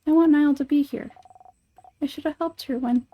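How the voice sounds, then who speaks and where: A woman voicing a cheerful, energetic little kid adventurer from a game, talking in a chatty, earnest way. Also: high-pitched, moderate pace, close to an everyday voice. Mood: sad.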